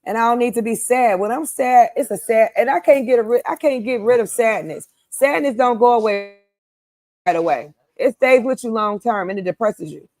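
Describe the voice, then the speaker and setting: Host type: woman in her 50s, higher voice, emphatic and animated, dry close sound. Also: normal speed, dry recording. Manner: animated, emphatic, laughs easily. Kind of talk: casual group chat.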